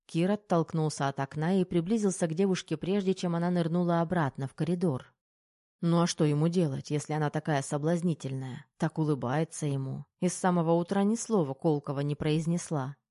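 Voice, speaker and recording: Woman, audiobook narrator, low voice, mellow tone, dry close mic. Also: fairly quick, no echo. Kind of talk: scripted narration.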